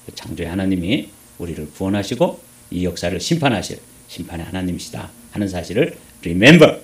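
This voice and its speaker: Korean pastor preaching with lively swings. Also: male voice, low voice, fairly quick, reverberant. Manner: animated preaching, swings from loud emphasis to hushed asides; addresses congregation with rhetorical questions. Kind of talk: sermon.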